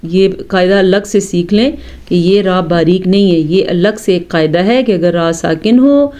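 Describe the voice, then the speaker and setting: A woman teaching tajweed. She explains each rule step by step and recites the verses slowly with long, melodic vowels. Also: lowish voice, warm tone. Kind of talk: tajweed lesson.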